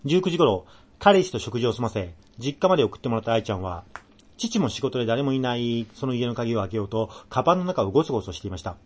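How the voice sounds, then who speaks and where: A male radio host with a lively, swooping delivery, reading a listener's spooky letter aloud. His pitch jumps around a lot as he tells it, and he turns plaintive and whiny when his co-host ribs him. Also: fast. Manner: animated, plaintive when teased.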